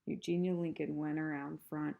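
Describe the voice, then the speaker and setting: A woman reading a children's book aloud in a calm, even storytelling manner. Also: low-pitched, moderate pace, creaky, phone-quality sound. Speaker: reader.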